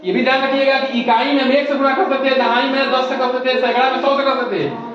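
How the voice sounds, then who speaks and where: A male primary school teacher explains step by step and keeps asking his class questions. His voice sits very high for a man. The sound is dull and muffled, and a strong echo fills the classroom. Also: little pitch movement, fast talker. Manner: patient, repetitive, asks rhetorical questions. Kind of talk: classroom lesson. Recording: echoey muffled classroom recording.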